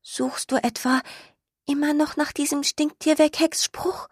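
A woman voicing a small, shy, childlike skunk in a storybook reading, speaking high, soft and tender, sometimes in a whisper. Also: expressive, measured pace, gravelly, no echo, studio quality, full character voice. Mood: soft, pleading.

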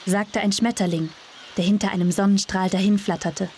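Calm woman reading a fairy tale. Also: mid-range voice, a little hiss or hum. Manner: calm, slow, measured. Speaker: storyteller.

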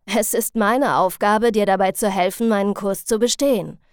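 A woman's voice: medium pitch, normal speed, clean tone, dry recording, clean studio sound, natural voice. A woman voicing a stern, dryly sarcastic male chemistry teacher with a firm, lightly mocking manner.

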